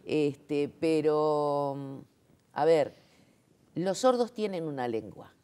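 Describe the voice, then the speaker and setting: A sign language interpreter gives a conversational interview in an extremely slow, smooth, mellow, low-pitched voice. She's emphatic about her views, often filling pauses and tossing in rhetorical checks.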